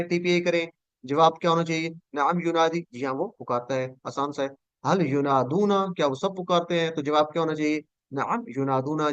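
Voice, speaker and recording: A man teaching over a video call, his voice somewhat high and smooth, recorded dry and close. He says each word slowly and carefully, pausing so the students can say it back. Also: dull audio. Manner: patient, repeats words slowly for students to echo. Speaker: Quranic Arabic teacher. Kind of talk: online class drilling verb forms.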